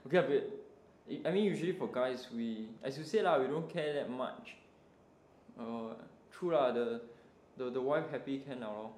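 A man's voice: mid-range voice, unhurried, pauses often, a little mellow. A young Singaporean man chatting casually in colloquial Singlish, ending phrases with lah, lor and leh. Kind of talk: casual chat. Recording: roomy echo, light background noise.

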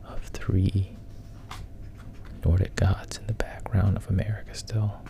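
Sitting low in pitch with a flat delivery, a man retells a story in a casual, hushed manner. His voice is gravelly and breathy, halting, and often fades to a whisper.

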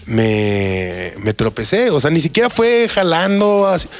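A man's voice: on the high side, animated, measured pace, faint music behind. A man with a Mexican Spanish accent, a guest DJ, chatting casually with a joking, teasing manner. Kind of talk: casual chat.

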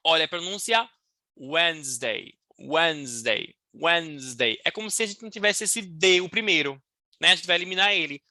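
Brazilian woman, English teacher, bright dry close sound, unhurried and lively. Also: on the low side, dry recording. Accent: Brazilian Portuguese. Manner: lively and playful, slowing to drill English words. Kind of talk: casual online English lesson.

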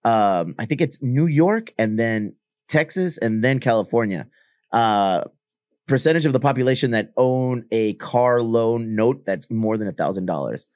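A man's voice: medium pitch, animated, unhurried, a little mellow, dry recording. A man hosting a podcast, chatting casually and teasing his guests with slangy, profane banter. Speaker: podcast host.

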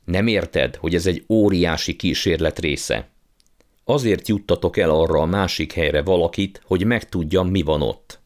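A man's voice: sits low, close to an everyday voice. A man voicing a pompous, blustering old uncle who calls himself a scientist and magician. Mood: lecturing. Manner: blustering, condescending, impatient.

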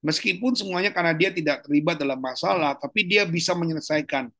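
A man, a pastor, giving a casual teaching talk on a video call, colloquial and animated, jumping up in pitch for emphasis. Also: fast talker, dry recording. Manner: animated, colloquial, jumps high in pitch for emphasis and laughs often. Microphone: online video call.

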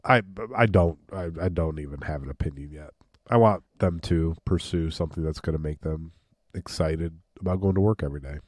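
A man in his thirties with a deep voice, congested from a cold, co-hosting a podcast. His humor is dry and self-deprecating. The sound is close and dry, with no room echo. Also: a little fast. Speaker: podcast co-host. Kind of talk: casual chat. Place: home basement studio.

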